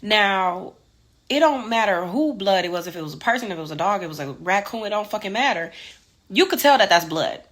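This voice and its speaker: A woman's voice: mid-range voice, animated, fairly quick, fairly bright tone. A woman vlogger, chatting casually and ranting heatedly with cursing. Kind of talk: casual chat.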